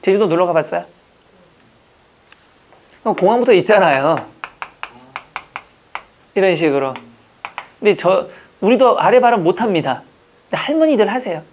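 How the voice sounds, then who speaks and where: A man from Jeju Island teaching an exam-prep language class, chatting, joking and quizzing his students with quick questions. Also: sits high, a little mellow. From Jeju Island, Korea. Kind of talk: classroom lecture. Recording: dull lo-fi lecture recording.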